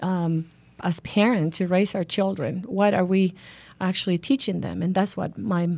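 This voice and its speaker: A woman's voice: fairly low pitch, steady tone, normal speed, gravelly, a little mellow, dry recording. Earnest woman from Honduras, dry sound. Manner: earnest, hesitant with many fillers. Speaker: guest, foundation founder. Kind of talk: radio interview.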